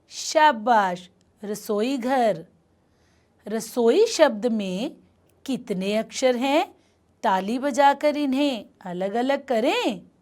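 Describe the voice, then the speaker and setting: A woman teacher giving a phonics lesson to small children, sounding out words clearly and praising them often. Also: a little high, a little mellow.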